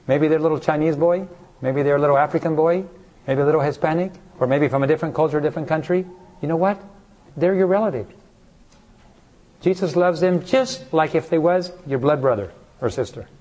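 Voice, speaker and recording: Guy preaching a sermon, kinda high voice, keeps firing questions at the crowd. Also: a little mellow. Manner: rhetorical questions to the congregation; acts out short voices in stories.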